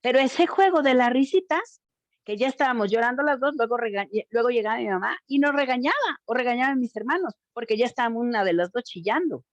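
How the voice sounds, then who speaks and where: A woman's voice: a little high, lively intonation, fast talker, no room sound, lo-fi sound. A woman giving an informal school talk on gender violence, speaking expressively and addressing the audience directly. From Mexico.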